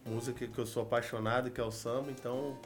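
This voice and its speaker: A man's voice: medium pitch, level tone, fast talker, music in the background. A Brazilian man in his forties chatting casually as a guest on a talk show. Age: 40s. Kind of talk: casual chat.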